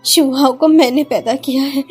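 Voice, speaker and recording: A woman dubbing a shrill, jealous young mistress. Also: fairly even intonation, moderate pace, soft background music, close to an everyday voice. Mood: jealous rage. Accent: Hindustani. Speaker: dub actor. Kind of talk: dubbed drama acting.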